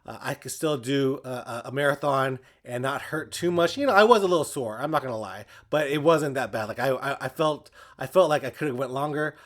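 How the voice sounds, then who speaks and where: A man's voice: medium pitch, brisk, hardly any pauses. A man chatting casually to his viewers as a running vlogger. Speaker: running vlogger and channel host.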